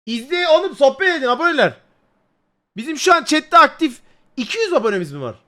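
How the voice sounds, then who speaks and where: A young man, chatting loudly and crudely with his live stream viewers, joking and swearing freely. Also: very high voice, sing-song, fast talker. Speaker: livestreamer.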